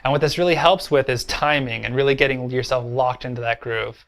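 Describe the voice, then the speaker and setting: A man's voice: medium pitch, fairly even intonation, brisk, a bit bright. A man teaching a guitar lesson, explaining step by step in an easygoing way with plenty of fillers. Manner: counts beats aloud while playing. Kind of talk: casual instructional explanation. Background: electric guitar playing.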